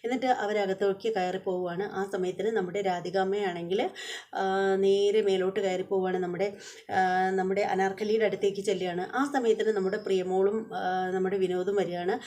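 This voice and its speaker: A woman's voice: medium pitch, steady tone, brisk, warm tone. A woman narrating a casual recap of a television serial episode. She retells it with frequent filler sounds and restarts.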